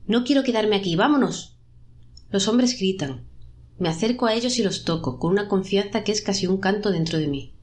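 A woman narrating a dark story, voicing the trapped souls in a raised, pleading pitch. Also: fairly quick.

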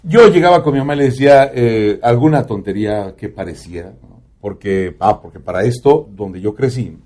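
A man with a Mexican accent, a radio announcer telling personal stories in a casual, animated way, swearing freely. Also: on the low side, moderate pace. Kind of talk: casual storytelling in an interview.

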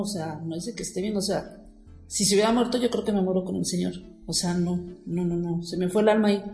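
A woman's voice: mid-range voice, dark tone. A middle-aged woman, telling a personal story in an emotional, rambling way with many fillers. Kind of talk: casual storytelling. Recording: echoey room.

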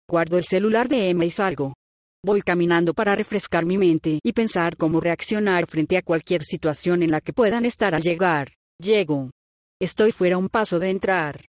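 A woman's voice: on the low side, darkish tone, dry recording, clean studio sound. A woman reading a first-person audiobook, voicing all the characters' lines in her own plain voice. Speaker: audiobook narrator.

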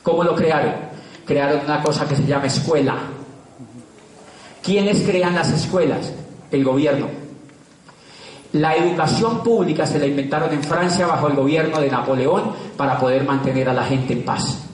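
A man's voice: on the high side, moderate pace, pauses often. A middle-aged man, talking to an audience with rhetorical questions and repeated words for stress. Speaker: public speaker. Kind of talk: lively talk to a live audience. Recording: echoey room, from far off.

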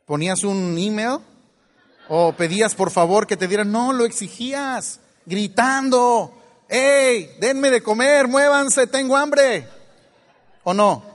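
Mexican male motivational speaker, playful and theatrical, fairly high voice, recorded in an echoing hall. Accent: Mexican Spanish. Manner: playful, acts out quoted baby voices, laughs often. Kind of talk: motivational talk to a live audience.

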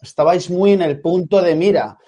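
A man's voice: sits high, moderate pace, dark tone. A man hosting a round-table talk, posing long, rambling questions to guests. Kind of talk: casual round-table chat.

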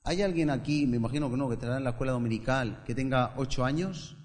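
A man's voice: medium pitch, quick pace, a little mellow. A male pastor, praying and preaching a sermon, who stumbles over repeated words and builds to emphatic passages. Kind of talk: sermon with opening prayer. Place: church hall. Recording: long church-hall reverb.

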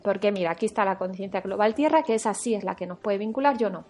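A French woman, working as a spiritual teacher, gives a reflective recorded talk, animated as she acts out her inner voices and checks in with the listener. Her voice is medium-pitched, she talks fast, and faint music plays behind her.

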